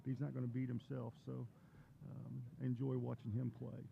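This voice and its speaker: A relaxed man with a gravelly voice talks as a guest on a local tennis stream, sounding upbeat. The audio is dull and lo-fi with faint hiss. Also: mid-range voice, normal speed. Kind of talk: casual interview.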